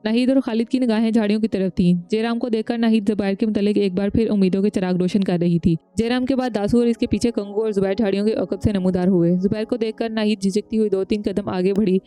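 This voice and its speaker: Brisk woman narrator, mellow and smooth. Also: mid-range voice, steady tone, soft background music. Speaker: audiobook narrator. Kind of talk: reading a historical novel aloud.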